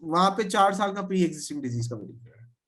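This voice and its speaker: A man's voice: high voice, lively intonation, racing, a bit bright. A man leading an insurance training session, explaining policy points with confidence and often checking that everyone follows. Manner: confident, repeats 'theek hai' to check understanding.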